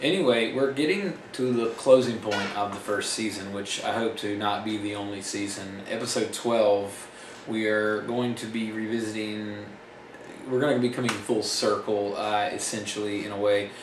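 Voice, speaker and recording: A man with a fairly low voice chats through a casual vlog about his film projects, rambling and self-correcting in a plain-spoken way. He sits back from the camera's own mic, so the sound is roomy and echoey. A steady hiss of noise runs under his voice. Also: normal speed, far from the mic. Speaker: independent filmmaker.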